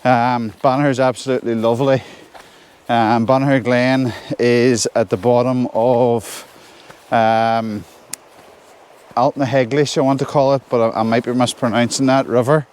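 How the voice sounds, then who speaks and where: A man's voice: mid-range voice, fairly even intonation, measured pace, a little mellow, clear, resonant tone. A man with a Northern Irish accent chatting casually to viewers as he trudges through snow outdoors on a solo hike. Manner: talking while trudging through snow on foot. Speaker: solo hiker vlogging. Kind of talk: casual walking vlog. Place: outdoors on a snowy hill forest track.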